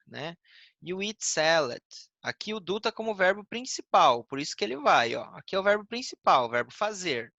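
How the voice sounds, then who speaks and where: A Brazilian man teaching basic English grammar, patiently explaining step by step and reading example sentences slowly. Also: fairly high pitch, pushed and bright, no echo, dull audio. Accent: Brazilian Portuguese. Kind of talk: recorded grammar lesson.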